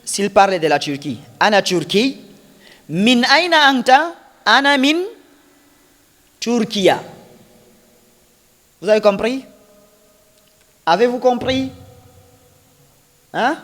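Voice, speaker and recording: A man's voice: very high voice, big pitch swings, slow, long pauses, fairly bright tone, big-room sound. A man teaching an Arabic lesson to a class, patiently repeating examples and quizzing his students. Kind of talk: classroom lesson explaining grammar.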